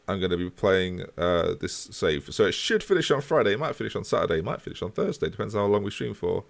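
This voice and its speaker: Playing a football management game live, a man talks to his viewers in a relaxed, chatty manner. He speaks fast, and his lowish voice has a creaky edge.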